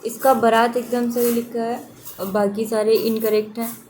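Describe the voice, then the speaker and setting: A woman's voice: fairly high pitch, flat delivery, normal speed, a little mellow, a little hiss or hum, low-quality recording. A woman teaching an online exam-prep lesson, steadily repeating which spellings are correct and which are wrong.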